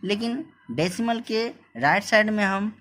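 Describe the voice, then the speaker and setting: A man teaching a maths lesson, explaining step by step, repeating points and reading numbers out slowly. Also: high-pitched, animated, a bit bright. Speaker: math teacher. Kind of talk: whiteboard lesson.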